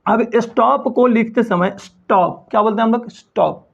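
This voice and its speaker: Guy teaching spelling rules, gravelly voice, asks himself stuff and answers, dull lo-fi audio. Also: very high-pitched, steady tone, fairly quick. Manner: repeats key points as questions and answers them himself. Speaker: English teacher. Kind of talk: spoken lesson explaining spelling rules. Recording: dull lo-fi sound.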